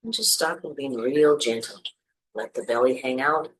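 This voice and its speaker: In a rough recording, a meditation teacher uses a medium-pitched voice to walk listeners through a practice. The tone is gentle and calming, the pace moderate, with room left between instructions.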